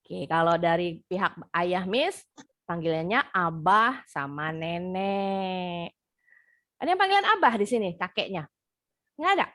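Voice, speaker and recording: A woman's voice: fairly low pitch, sing-song, measured pace, fairly bright tone, no room sound, clean studio sound. A young woman with an Indonesian accent teaching an English class over a video call, patiently explaining and repeating words for pronunciation.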